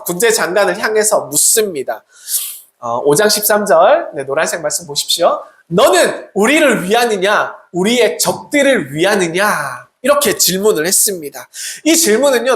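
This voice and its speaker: Sermon, animated pitch, rhetorical questions, acted-out quotes, echoey sanctuary. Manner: rhetorical questions, acts out quoted prayers and replies. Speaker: Salvation Army officer preaching. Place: church sanctuary. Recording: echoey church room.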